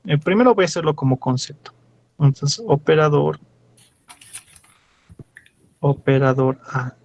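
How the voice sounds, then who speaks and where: Slow, gravelly young Bolivian man teaching. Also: on the high side, animated, a little mellow, dull audio, slight background noise. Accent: Bolivian Spanish. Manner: works problems step by step, quizzing students with tag questions. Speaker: teaching assistant. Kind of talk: classroom lecture.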